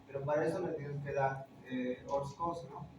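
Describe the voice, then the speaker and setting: A middle-aged man with a Peruvian accent teaching a class, explaining step by step and checking students with quick tag questions. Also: mid-range voice, steady tone. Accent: Peruvian Spanish. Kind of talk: classroom lecture. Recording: echoey room, distant mic, faint noise.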